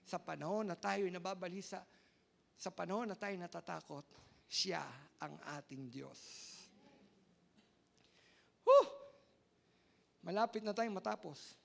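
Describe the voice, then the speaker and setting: A male pastor preaching with fervor, swinging from loud exclamations to hushed lines. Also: sits high, a little slow, creaky, long pauses. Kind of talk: sermon.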